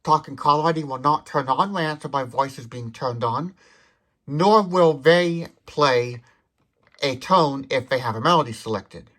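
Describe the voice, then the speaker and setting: In an unscripted tech demo, a mid-pitched product demonstrator explains a device at a moderate pace. The tone is fairly bright, and the walkthrough is thorough, covering one detail after another.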